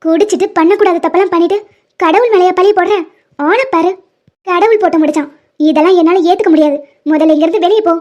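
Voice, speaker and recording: In an animated love-story dub, the female lead voices an angry young mother who scolds and rejects the man who wronged her, sounding exasperated. Her pitch is extremely high, her delivery fast and a little mellow. The audio is dull and lo-fi, with faint music.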